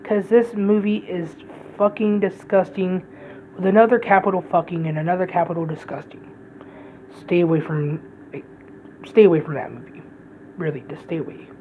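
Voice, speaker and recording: A woman's voice: on the low side, brisk, phone-quality sound, a little hiss or hum. A woman giving a casual, rambling movie review, blunt and profane, often restarting her sentences.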